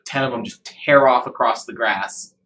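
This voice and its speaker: A man narrating as dungeon master in a relaxed, conversational way. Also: medium pitch, moderate pace, low-quality recording. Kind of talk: narrating a tabletop game.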